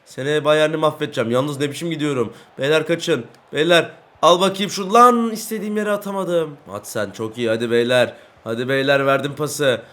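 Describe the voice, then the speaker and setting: Excitable young gamer man. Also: a little high, a little fast, hardly any pauses. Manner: excitable, yells and curses at teammates. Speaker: gaming YouTuber. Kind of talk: Let's Play commentary.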